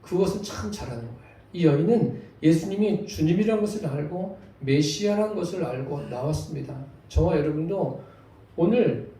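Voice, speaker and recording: A male pastor preaches a sermon in a church, putting rhetorical questions to his listeners. His voice is mellow and sits a little high for a man. He is heard from some distance in a very echoey sanctuary. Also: expressive, normal speed. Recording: very echoey church hall, voice from far off.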